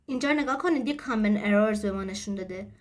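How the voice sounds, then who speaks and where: A woman teaching English grammar in a steady, explanatory way. Her voice sits at a middle pitch, and she moves between explanations and example sentences. Her tone stays patient and clear throughout.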